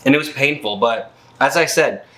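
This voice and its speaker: Male vlogger, medium pitch, tired and beat, chatty, slangy, loosely rambling update. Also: normal speed, pushed and bright, poor audio. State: worn out. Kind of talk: casual chat, health update.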